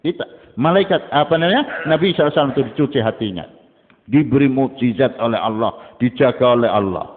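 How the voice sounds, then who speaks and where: A man preaching a dawn sermon, jumping between high emphatic bursts and low asides. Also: lively intonation, fast talker. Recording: tinny phone-like sound with long hall reverb.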